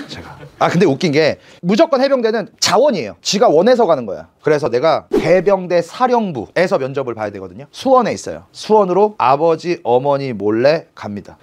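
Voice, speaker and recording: A man in his forties, an English teacher telling a personal story to his class in an animated, slangy, chatty way. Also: fairly high pitch. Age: 40s. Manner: animated, slangy and chatty, with frequent fillers and rhetorical questions. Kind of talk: storytelling in a lecture.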